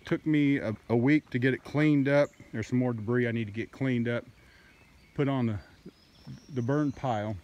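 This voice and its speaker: A man narrating a casual walking tour of his wooded farm outdoors, talking in a slow, halting way with many fillers, recorded on a handheld phone. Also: mid-range voice, a little mellow, muffled recording. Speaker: farmer vlogger. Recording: faint outdoor noise.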